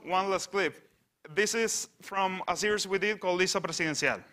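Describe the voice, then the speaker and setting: A man from Venezuela, giving a wry, halting conference talk with many restarts. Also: high voice, bright, forceful tone. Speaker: conference speaker on satire news site. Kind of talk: conference presentation. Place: conference stage.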